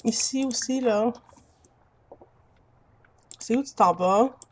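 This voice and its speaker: A woman's voice: a little high, slow pace. A woman with a Quebec French accent giving casual commentary over a video game. She chats to her viewers, laughs easily and talks into a built-in computer mic. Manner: chatty, addresses viewers as friends, laughs easily. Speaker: gamer.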